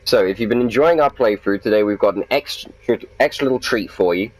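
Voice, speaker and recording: A man hosts a gaming video, chatting casually and reading documents aloud with playful self-mockery. His fairly low voice runs a little fast, and the audio is poor.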